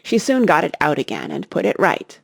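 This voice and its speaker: A woman reading a classic children's story aloud in an expressive narrating style. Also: fairly low pitch, fairly quick, creaky, dry recording. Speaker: audiobook reader.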